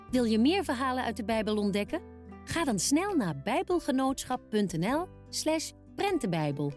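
A woman narrating a scripted children's Bible story, telling it calmly, clearly and simply. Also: medium pitch.

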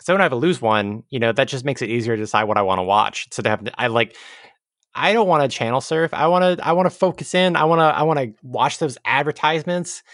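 A man's voice: mid-range voice, animated, fast, a bit bright, no room sound, clean studio sound. A man chatting casually as a podcast co-host about a video game, with a wry, jokey, ironic way of riffing.

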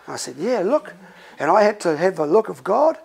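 A man's voice: high-pitched, moderate pace, vocal fry, poor audio. A middle-aged male pastor preaching in a conversational, storytelling way. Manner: conversational, animated storytelling with laughs. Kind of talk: sermon.

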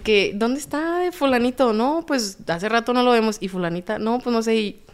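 Smooth-voiced Mexican woman telling a story. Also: fairly high pitch, moderate pace. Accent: Mexican Spanish. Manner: animated, acts out quoted dialogue. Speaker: guest telling her story. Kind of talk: casual podcast storytelling.

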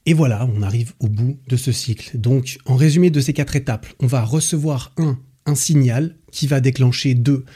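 Male podcast host, dark husky tone, chatty and enthusiastic, slangy, lots of fillers. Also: mid-range voice, normal speed, few pauses. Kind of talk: casual book summary.

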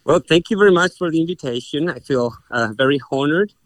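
A young Chilean horse trainer with a Chilean Spanish accent answers interview questions earnestly, often restarting his words. His fairly high voice is expressive and a little fast. There's no room sound.

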